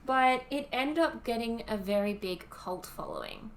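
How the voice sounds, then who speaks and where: A woman in her twenties with an Australian accent, co-hosting a podcast in casual chat, talkative and quick to laugh. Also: on the high side, wildly swooping pitch. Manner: chatty, laughs often, lots of ums. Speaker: podcast co-host. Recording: roomy with faint ambient noise.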